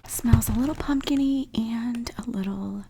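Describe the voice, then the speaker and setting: A woman speaking in a soft, whispery ASMR voice, chatting casually and telling a story while she eats at home. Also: on the high side, gravelly, slight background noise. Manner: whispery, soft and unhurried, with frequent small laughs. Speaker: ASMR creator. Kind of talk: soft-spoken ASMR mukbang.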